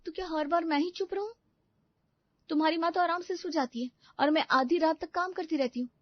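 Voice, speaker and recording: Woman voicing cartoon young wife, indignant, sarcastic, high voice, dry sound. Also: brisk, no echo. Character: overworked young wife, frustrated and fed up. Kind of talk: animated family story voice acting. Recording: dry, slightly dull studio recording.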